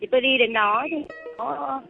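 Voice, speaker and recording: This high, gravelly voice belongs to a protester from Vung Tau, southern Vietnam, phoning in to recount her experience with agitation and plenty of rambling. She speaks at a moderate pace over soft background music. Audio comes through a tinny phone line carrying faint noise.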